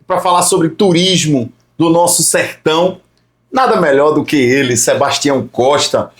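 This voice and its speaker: A man hosting a casual podcast, asking questions in a lively, jokey way. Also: fairly high pitch. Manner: lively, jokey, quick interjections. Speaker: podcast host. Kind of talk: casual interview chat.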